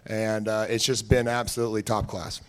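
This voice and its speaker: A young man from Washington State, an auctioneering student, who talks plainly about himself and calls bids in a fast rhythmic chant. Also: fairly low pitch, flat delivery, smooth. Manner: rapid rhythmic chant while calling bids. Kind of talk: auction bid calling.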